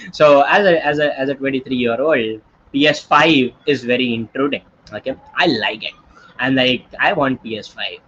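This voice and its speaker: A young Indian man in his twenties teaches an online workshop with a bright, forceful voice. He tells stories in a chatty way and keeps checking in with his listeners. The audio sounds dull and lo-fi, like a stream from a computer mic, with a faint hiss behind it. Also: medium pitch, normal speed. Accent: Indian English. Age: 20s. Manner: chatty, animated storytelling with many tag questions. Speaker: workshop instructor.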